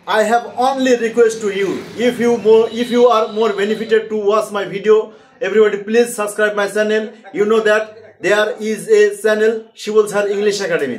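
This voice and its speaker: High-voiced Bengali teacher drilling a class. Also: male voice, echoey room. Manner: drills students with call-and-response, mixes Bengali and English. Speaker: English teacher. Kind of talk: classroom English lesson.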